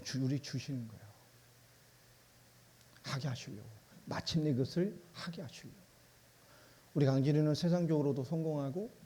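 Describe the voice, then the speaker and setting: Lively, mellow-voiced man preaching. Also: a little high. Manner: conversational preaching with rhetorical questions; acts out both sides of an imagined exchange. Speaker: pastor. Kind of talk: sermon. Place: church sanctuary.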